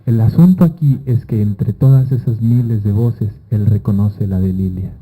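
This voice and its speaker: Dark-voiced man telling a story. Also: lowish voice, moderate pace, low-quality recording. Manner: storytelling, animated retelling of a dream. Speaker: author presenting his book. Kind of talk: book presentation talk with reading. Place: festival event before a live audience.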